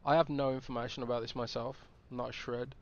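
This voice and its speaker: A man's voice: medium pitch, level tone, fast, dull audio. A man streaming a game, chatting casually and thinking aloud with restarts. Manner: rambling, thinking aloud with fillers.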